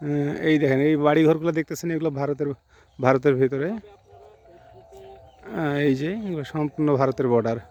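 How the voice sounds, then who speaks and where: Male travel vlogger, voice a touch high, shot outdoors on a phone, talks straight to his viewers. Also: fairly even intonation, fairly quick, long pauses, darkish tone, muffled recording. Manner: addresses viewers directly, pointing things out. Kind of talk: outdoor guided vlog narration. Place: outdoors by mustard fields at a border.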